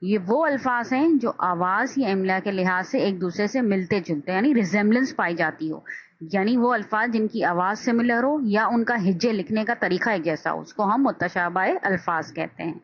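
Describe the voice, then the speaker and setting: A woman teaching a grammar lesson in a patient, explaining manner, checking that listeners follow and slipping in English words. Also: medium pitch. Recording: dull lo-fi recording.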